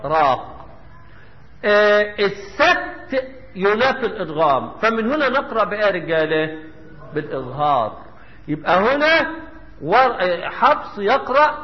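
High-voiced Egyptian sheikh teaching a class. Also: male voice, big-room sound, dull audio. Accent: Egyptian Arabic. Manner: quizzes the class and answers himself. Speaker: Quran recitation teacher. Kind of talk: tajweed lesson with chanted recitation.

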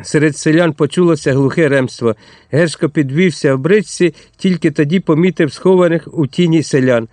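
A man narrating a historical novel in a steady, expressive audiobook reading. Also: fairly high pitch, normal speed, no echo, studio quality.

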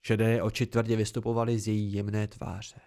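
A man reading a fantasy novel aloud as an amateur audiobook narrator, telling it in a measured first-person voice. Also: lowish voice, level tone, mellow, clean tone. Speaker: audiobook reader.

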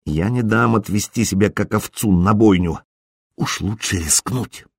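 A frightened young girl speaks in a hushed whisper, tense and quiet, as a male narrator puts her on in an audiobook. The voice is low and husky in a dry close recording. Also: unhurried, no echo, full character voice. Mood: grim.

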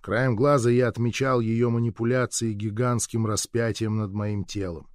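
A man doing a measured, sardonic scripted narration of an audiobook. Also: lowish voice, flat delivery, no echo, clean studio sound.

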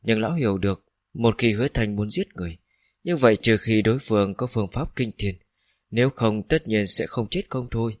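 A man narrating a fantasy novel as a steady, even audiobook reading. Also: on the low side, brisk, no room sound, clean studio sound.

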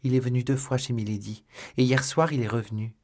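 A man's voice: medium pitch, fairly even intonation, fairly quick, a little mellow, natural voice. A man voicing a frightened young maidservant who pleads for help, in an audiobook reading. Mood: alarmed.

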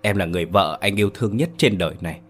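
A man voicing a gentle young husband speaking softly to his wife in a storybook tale. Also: sits low, very fast, husky, faint music behind. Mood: tender. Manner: soft, tender.

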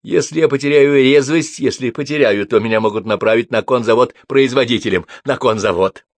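A man's voice: medium pitch, fairly quick, dry recording, voice pushed up, close to an everyday voice. A man voicing an anxious, horse-like male racer who keeps repeating his own words. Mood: earnest.

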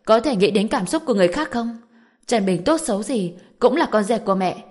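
A woman's voice: mid-range voice, steady tone, brisk, darkish tone, close to an everyday voice. A woman voicing an exasperated young wife who firmly stands up to her mother in an audiobook. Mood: indignant. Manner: firm, indignant.

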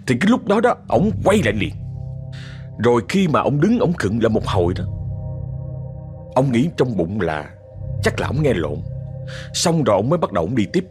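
A man's voice: mid-range voice, very animated, normal speed, pauses often, darkish tone, faint music behind. A man with a Southern Vietnamese accent narrating a ghost story in a chatty, dramatic way, often speaking straight to his listeners.

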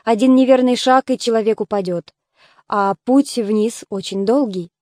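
A woman reading the lines of a gruff, wry male companion who mutters dry remarks. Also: fairly high pitch, normal speed, darkish tone, dry recording, natural voice.

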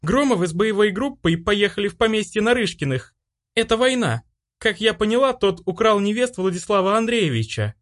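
A man voicing a young woman servant who rushes in to deliver urgent news. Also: high voice, lively intonation, fairly bright tone, pitched above the performer's own voice.

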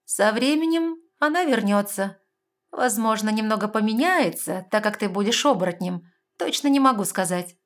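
A woman's voice: medium pitch, lively intonation, moderate pace, pitched above the performer's own voice, lightly acted. A woman voicing a sly, smug fairy woman who talks in a mocking, self-assured way.

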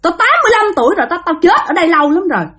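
A woman's voice: sing-song, racing, exaggerated voice. A woman voicing an old male drowned ghost possessing a young woman, growling and threatening. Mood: menacing. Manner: growling, threatening, shouting high. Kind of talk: storytelling.

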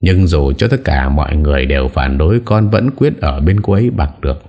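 A stubborn, lovestruck young son, played by a male narrator, answering his father earnestly and firmly. The voice sits very deep. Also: expressive, a little fast, warm tone, exaggerated voice. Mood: earnest defiance.

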